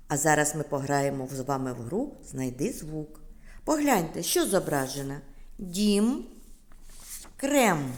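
Slow sing-song kindergarten teacher woman. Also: on the low side, a little mellow. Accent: Ukrainian. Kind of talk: lesson for preschool children.

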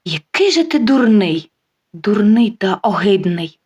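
A calm, sharp-tongued wife in an audio story, voiced by a woman narrator. She answers dryly and without hurry, every line laced with mockery. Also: medium pitch, slightly rough, dull audio. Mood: mocking. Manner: dry, mocking, unhurried.

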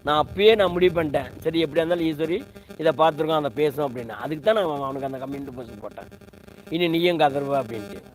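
A man's voice: a little high, fast talker, faint music behind, rough recording. A man on a livestream, ranting with indignation at his viewers and firing off repeated rhetorical questions. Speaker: live streamer. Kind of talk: heated livestream rant.

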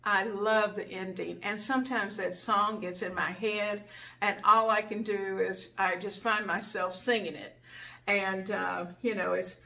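A woman's voice: medium pitch, steady tone, measured pace, gravelly, bright, forceful tone. An older woman hosting a home kitchen vlog, chatting casually with homespun advice and thankful asides, recorded at home. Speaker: cooking channel host. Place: home kitchen and dining room, indoors.

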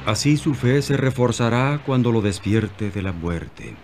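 A man playing Jesus as a calm, solemn, authoritative teacher in a dubbed animated Bible film, speaking in measured declarations. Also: mid-range voice, a little hiss or hum.

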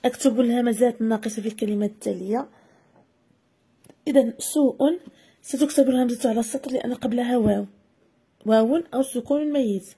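Woman teacher, husky and warm, slightly high voice, patient lesson delivery. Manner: slow, deliberate dictation of example words. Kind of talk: classroom grammar lesson. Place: video lesson voice-over.

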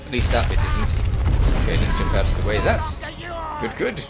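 A man's voice: mid-range voice, huge pitch swings, normal speed, creaky. A man giving casual gameplay commentary, thinking aloud with mild exclamations. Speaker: gamer playing and commentating. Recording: loud game music behind voice.

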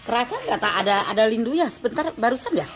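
A woman's voice: on the high side, sing-song, quick pace. Chatty woman calling out. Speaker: caretaker at a care home. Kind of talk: casual chat. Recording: faint background noise.

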